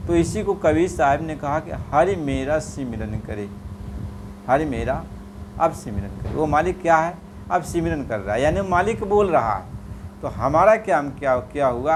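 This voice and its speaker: A man giving a devotional sermon, repeating phrases and drawing out chanted verses in a slow, melodic way. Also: fairly high pitch, a little hiss or hum. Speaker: spiritual preacher.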